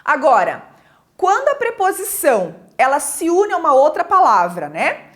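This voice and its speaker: A woman's voice: sits high, wildly swooping pitch, moderate pace. A woman teacher giving a recorded grammar lesson. She explains step by step, keeps checking in with her listeners, and acts out example interjections with shifting intonation.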